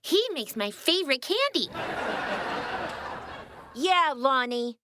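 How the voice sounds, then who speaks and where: A woman's voice: high voice, animated, slow pace, background noise. A sassy 1950s schoolgirl. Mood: teasing. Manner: teasing, bossy. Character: sassy schoolgirl Helen, 1950s city kid.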